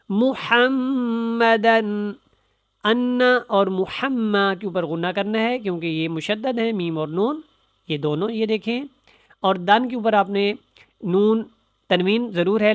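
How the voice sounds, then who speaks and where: Man teaching Quran recitation, smooth voice. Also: high-pitched, dry recording, clean studio sound. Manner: brisk explaining voice, breaking into slow chanted recitation.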